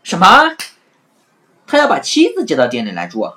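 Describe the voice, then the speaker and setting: A woman's voice: low voice, expressive, measured pace, a bit bright, voice pushed up, heavily acted. A woman voicing a flustered, cheating male innkeeper who begs and panics. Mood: desperate. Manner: pleading, flustered.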